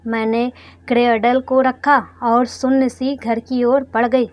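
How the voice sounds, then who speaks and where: High-voiced woman narrating a heartfelt story. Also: little pitch movement, slow pace, darkish tone, no echo. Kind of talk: first-person story narration.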